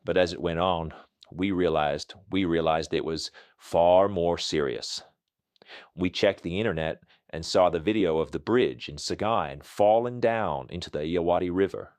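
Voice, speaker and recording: A male journalist with an electronically disguised voice, answering interview questions in a halting, plain telling. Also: low-pitched, a little mellow, clear, resonant tone, no echo. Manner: halting, plain storytelling with pauses.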